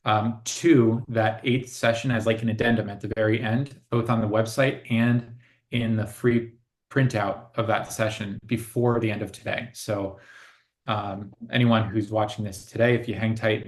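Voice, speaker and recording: A man co-hosting a casual spiritual conversation, speaking in an earnest, reflective way and laughing often. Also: fairly low pitch. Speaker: co-host.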